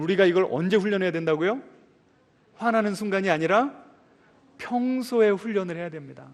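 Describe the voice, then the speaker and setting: A male pastor preaching a sermon, asking the congregation questions and answering them himself, swinging between loud emphasis and soft asides. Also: sits high. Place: large church sanctuary. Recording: long reverb of a large church hall.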